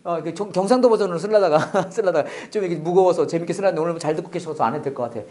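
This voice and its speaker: A man preaching a sermon as a pastor, with joking asides, swinging from loud exclamations to near-whispers. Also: fairly high pitch, rapid-fire.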